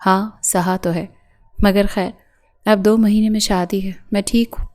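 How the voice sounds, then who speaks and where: A woman reading the lines of a calm, resigned young man in a romantic novel, in a quiet tone. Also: medium pitch, close to an everyday voice.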